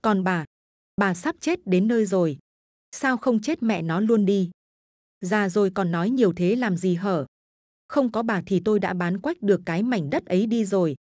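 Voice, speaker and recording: A woman's voice: medium pitch, moderate pace, darkish tone, no room sound, close to an everyday voice. A spiteful, foul-mouthed village wife snaps bitterly at her mother-in-law, as a woman storyteller plays her. Dry, close recording. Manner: bitter, snapping.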